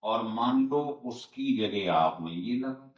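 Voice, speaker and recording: A man's voice: fairly low pitch, lively intonation, slow. A man giving a chemistry lecture, explaining each step over and over and answering his own questions. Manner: repetitive step-by-step explaining, asks and answers himself. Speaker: chemistry teacher. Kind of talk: classroom lecture. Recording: roomy, distant and dull-sounding.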